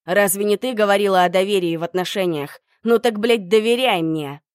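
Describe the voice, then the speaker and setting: A domineering young man barks his lines in a harsh, commanding tone, with a woman putting him on. The voice sits low and close, with no room sound around it. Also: steady tone, normal speed, darkish tone, clean tone, no echo, natural voice. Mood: furious.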